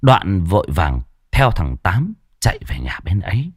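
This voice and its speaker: A man with a deep, low voice tells a ghost story in an expressive, dramatic way. His pitch rises and falls widely. The sound is close and dry, with no room around it. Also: unhurried, slightly rough, no room sound. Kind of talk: scripted narration of a ghost story.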